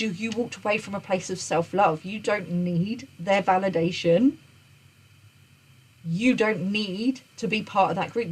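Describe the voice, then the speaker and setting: A woman gives a spoken tarot reading in a breathy, slightly husky voice at an ordinary pitch. She speaks off the cuff, with earnest repetition and frequent restarts. She keeps checking in with the listener by asking "okay?" and "all right?". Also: low-quality recording. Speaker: tarot reader. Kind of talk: unscripted tarot reading monologue.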